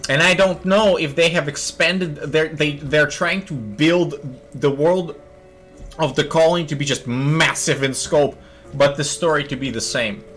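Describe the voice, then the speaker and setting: Unhurried and slightly high-pitched with a bit of brightness, a young streamer jokes and muses aloud about the video game he's playing. Faint game music sits in the background.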